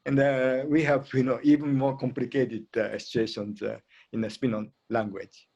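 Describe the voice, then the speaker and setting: A man giving a physics lecture and taking questions, speaking haltingly and filling gaps with "you know" and "uh". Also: medium pitch, little pitch movement, vocal fry, darkish tone, dull audio.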